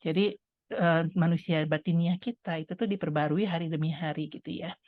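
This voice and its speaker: A woman's voice: low-pitched, fairly even intonation, brisk, dry recording. A middle-aged woman giving a chatty, conversational personal testimony, talking to her listeners like friends. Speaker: speaker sharing a testimony. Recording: tinny phone-like line, dry sound.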